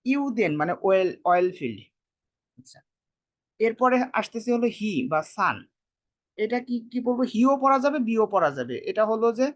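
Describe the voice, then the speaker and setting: A language teacher talks through vocabulary in a casual lesson. The delivery is unhurried, with frequent repetition of each word. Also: medium pitch. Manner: explains slowly, repeats words, casual colloquial speech.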